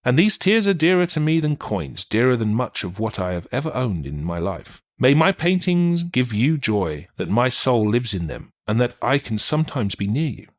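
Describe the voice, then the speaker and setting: A man's voice: medium pitch, very animated, moderate pace, few pauses, natural voice. A man reading as the spirit of a dead old male painter, earnest and heartfelt in an audiobook. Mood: tender. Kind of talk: audiobook reading of a channeled letter.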